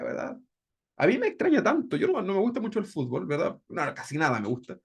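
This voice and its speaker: A man teaching a Bible discipleship class in a conversational way, often checking in with "¿verdad?". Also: high voice. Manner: conversational, keeps asking "¿verdad?".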